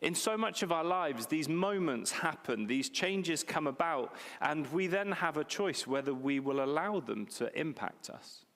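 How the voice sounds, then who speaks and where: This man's voice sits a little high and is animated and unhurried, fairly bright, with few pauses. He is a pastor in his 40s delivering a sermon in a church hall, chatty and self-deprecating, driving points home by repeating key phrases, all under the hall's long reverb.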